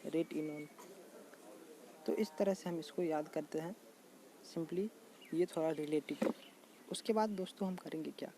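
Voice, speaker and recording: Talking through a general knowledge lesson, a man with a fairly high voice goes over terms slowly and addresses his viewers as friends in a relaxed, repetitive way. A crowd can be heard faintly in the background.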